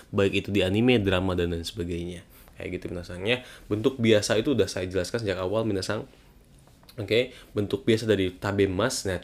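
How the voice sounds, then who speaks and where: Indonesian guy teaching japanese basics, deep low voice, chatty and casual, goes up high on the examples. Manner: chatty, keeps repeating the address to viewers; voice jumps higher when voicing example phrases. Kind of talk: casual spoken lesson.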